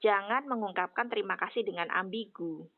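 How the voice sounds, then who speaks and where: A woman teacher explaining English phrases in a clear, instructive way. Her voice comes through a narrow, tinny channel. The room sound is dry and close. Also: mid-range voice, fairly quick, dry recording.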